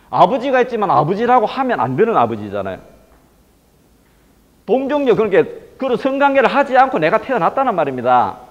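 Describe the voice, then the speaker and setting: A man lecturing a hall of teenagers, his voice pitched high and swinging up and down as he fires questions at the room. The recording is dull and lo-fi, with a long reverb tail. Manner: keeps quizzing the audience with rhetorical questions.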